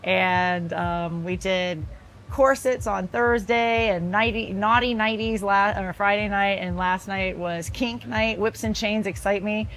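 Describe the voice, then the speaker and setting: A woman's voice: medium pitch, a little slow, a bit bright, slight background noise. Chatty laughing woman podcast co-host. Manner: chatty, laughs often, rambling restarts. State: slightly rough voice after a long weekend. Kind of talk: casual chat. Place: outdoor veranda at a resort.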